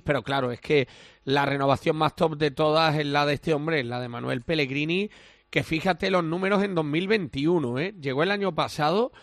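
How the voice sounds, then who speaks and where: Fluent radio sports reporter, dry mic. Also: male voice, fairly high pitch, a bit bright, dry recording.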